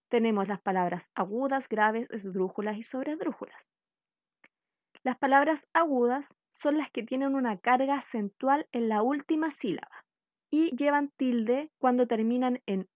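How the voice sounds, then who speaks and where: A woman from Chile giving a scripted spelling lesson, reading out example words one by one in a slow, deliberate way. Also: high voice, no echo, clean studio sound. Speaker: workshop teacher.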